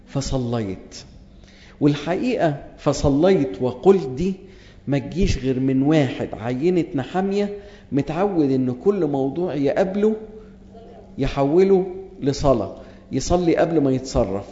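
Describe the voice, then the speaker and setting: Egyptian preacher with a dark, echoing voice. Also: male voice, medium pitch, expressive, muffled recording. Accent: Egyptian Arabic. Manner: earnest, reads scripture aloud and restates it plainly; repeats key phrases slowly for emphasis. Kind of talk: sermon.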